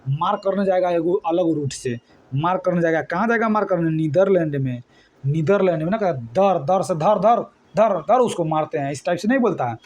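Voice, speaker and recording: A man, teaching an exam coaching lesson. He talks loosely and repeats himself, firing quick questions at his students and answering them himself. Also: a little high. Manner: colloquial, repetitive, quizzing the students. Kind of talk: mnemonic lesson for exam prep.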